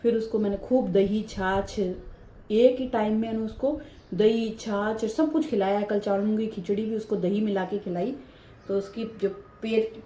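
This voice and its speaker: A woman's voice: medium pitch, mellow. Middle-aged woman home vlogger, chatty and rambling, built-in mic, echoey room, faint noise. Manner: chatty and rambling, speaks straight to viewers. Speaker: family vlogger. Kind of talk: casual home vlog chat. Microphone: built-in phone or camera mic, no external mic.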